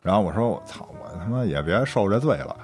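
A man's voice: deep voice, animated, fast, faint music behind. A man with a Beijing accent, a podcast co-host rambling through a personal anecdote in casual chat, swearing and laughing often.

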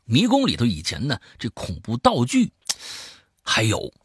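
A man who hosts a show, telling a scary story in the first person, swinging from hushed to loud. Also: mid-range voice, huge pitch swings, unhurried, slightly rough, no echo, studio quality. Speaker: host reading a listener's story.

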